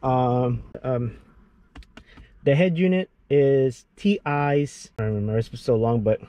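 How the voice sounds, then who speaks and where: Outdoors by his parked truck, a man with a dark, medium-pitched voice speaks at a measured pace. He's the one who built it, and his walkaround is loose and rambling, thick with fillers and restarts, over faint outdoor background noise.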